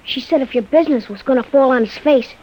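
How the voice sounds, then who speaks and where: A woman's voice: high voice, quick pace. A woman playing an eager, chattering young son in an old radio drama. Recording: dull old radio recording.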